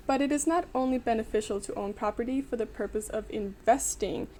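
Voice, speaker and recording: A young woman from Denmark narrates an explainer for her vlog in an upbeat, clear, informative way. Her voice sits a little high but sounds mellow and warm. A faint hiss runs under the recording. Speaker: vlogger.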